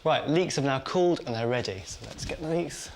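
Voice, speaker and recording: A man's voice: medium pitch, lively intonation, a little fast, vocal fry, a little hiss or hum. Chatty man cooking in a kitchen. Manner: chatty, talks while cooking and tasting. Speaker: cooking show host. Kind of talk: cooking demonstration.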